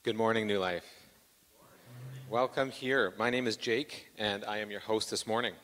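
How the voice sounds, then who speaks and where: A man's voice: lowish voice, steady tone, normal speed, fairly bright tone. Man announcing in a reverberant church. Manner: joking, self-deprecating, many fillers. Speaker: church host doing announcements. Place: church sanctuary.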